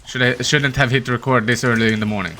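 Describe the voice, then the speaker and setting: A man hosting a gaming channel, giving casual, tired, low-energy commentary as he thinks aloud while playing. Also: steady tone, fast talker, pushed and bright, a little hiss or hum. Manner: opens with a put-on peppy intro voice.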